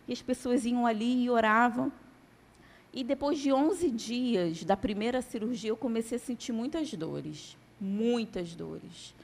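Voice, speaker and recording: Woman preacher, dramatic testimony, acted-out dialogue, slightly high voice. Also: a little slow, vocal fry. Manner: dramatic storytelling, acting out dialogue. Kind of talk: testimony sermon.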